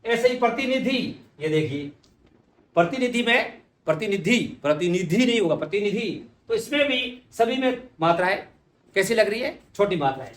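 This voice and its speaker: A man's voice: high voice, very animated, moderate pace, a bit bright, reverberant. A man teaching spelling for exams, patiently repeating words and answering his own questions. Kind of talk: exam-prep lesson.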